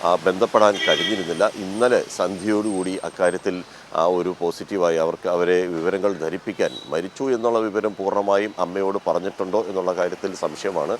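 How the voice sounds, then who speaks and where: Male field reporter, very low voice, halting live delivery, faint street traffic behind. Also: fairly even intonation, rough recording. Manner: measured, with frequent filler pauses.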